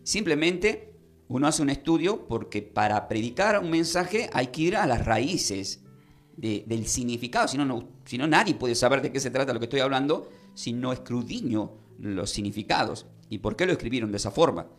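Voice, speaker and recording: A man's voice: mid-range voice, animated, moderate pace, faint music behind. A man preaching a Bible-study sermon, explaining verses and having his listeners repeat his phrases. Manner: teaching, asking the congregation to repeat phrases. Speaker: pastor.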